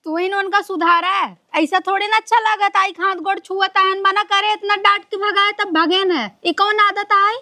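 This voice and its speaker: A woman's voice: very high voice, steady tone, moderate pace, few pauses, pushed and bright. A woman with an Awadhi accent playing a complaining young daughter-in-law in a village comedy sketch. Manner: complaining, exasperated.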